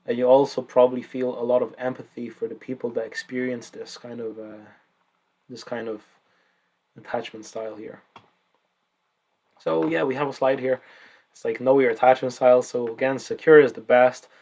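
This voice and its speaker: A man's voice: medium pitch, a little mellow. A man presenting a self-help video in a casual, informal way, often repeating words and swearing now and then. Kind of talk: casual explainer talk.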